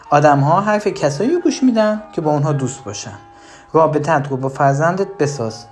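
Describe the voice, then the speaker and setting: Offering advice directly to the listener, this parenting advisor poses rhetorical questions while alternating between a lively delivery and a low, emphatic one.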